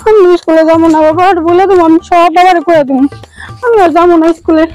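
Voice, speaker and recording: Actress as a frightened schoolgirl, pleading, high and thin. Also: fairly even intonation, quick pace, darkish tone, soft background music, rough recording. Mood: sobbing. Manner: sobbing, pleading. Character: frightened tearful schoolgirl daughter. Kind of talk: amateur village drama acting.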